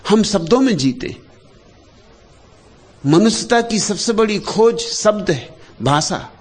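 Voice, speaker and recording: A man giving a spiritual discourse in short, deliberate phrases, pausing often and letting his voice sink low and soft at the end of each thought. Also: lively intonation, slightly rough. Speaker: spiritual speaker.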